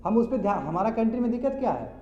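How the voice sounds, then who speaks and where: Very fast and full of big pitch swings, a high-pitched, darkish male voice runs a class lecture in a chatty way. He calls on students directly and mixes in English terms, while the echoey, slightly dull room carries faint music.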